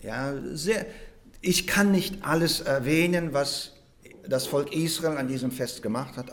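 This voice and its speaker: A man preaching a sermon in German, emphatic and conversational, often checking in with the congregation with short asides. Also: fairly high pitch. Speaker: pastor.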